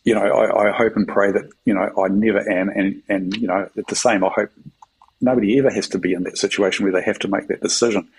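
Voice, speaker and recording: A middle-aged man from New Zealand, a military chaplain, telling a story in a halting, filler-heavy conversational way with a New Zealand accent. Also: fairly low pitch, fairly even intonation, slightly rough, rough recording. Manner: halting, many fillers and repeated words.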